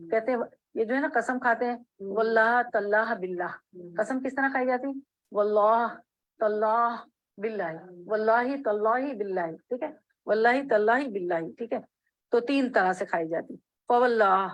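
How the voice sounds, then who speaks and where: A slightly bright, high-leaning female voice comes through poor audio as she teaches hadith. Reading the Arabic one line at a time, she explains every phrase in Urdu and confirms her students are following along.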